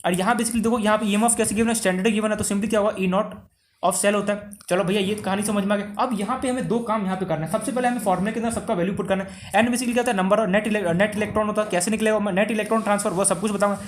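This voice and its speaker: A young male tutor with an Indian Hindi accent rushes through a chemistry lesson in a high, quick voice. He asks himself questions and answers them at once, barely pausing for breath. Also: steady tone, a little hiss or hum. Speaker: chemistry teacher. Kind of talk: fast explanatory lesson.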